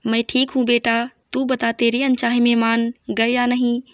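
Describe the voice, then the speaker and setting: A woman's voice: fairly high pitch, little pitch movement, normal speed, dry recording, studio quality, lightly acted. A woman voicing a protective middle-aged mother in a storybook reading, motherly and plain-spoken.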